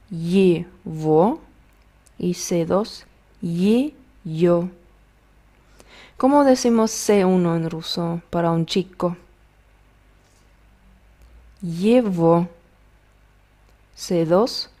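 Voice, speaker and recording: Female teacher, low mellow voice, slow patient drilling for beginners. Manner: slow, patient drilling of words, modeling pronunciation. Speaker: language teacher. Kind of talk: video language lesson.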